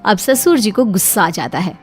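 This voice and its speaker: A woman giving steady, scripted narration for a cartoon moral story. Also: mid-range voice, moderate pace, faint music behind.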